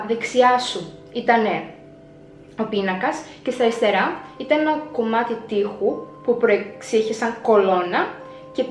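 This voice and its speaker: A young woman telling a personal story in a vlog, acting out her own past words with dramatic flair. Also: a little high. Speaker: vlogger. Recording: echoey room with faint music.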